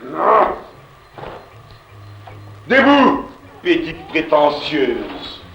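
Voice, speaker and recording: An actor playing a scornful, domineering rebel officer who commands a captive nun. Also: male voice, on the high side, wildly swooping pitch, drawn-out words, vocal fry, a bit bright, slight background noise, full character voice. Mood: menacing. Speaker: captor demanding a nun marry him. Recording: distant echoey lo-fi recording with music.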